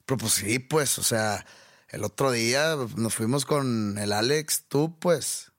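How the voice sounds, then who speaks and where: A man's voice: medium pitch, measured pace, fairly bright tone, dry recording, clean studio sound. A man with a northern Mexican accent, chatting casually and playfully. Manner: laid-back, playful, mimics accents. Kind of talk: casual chat.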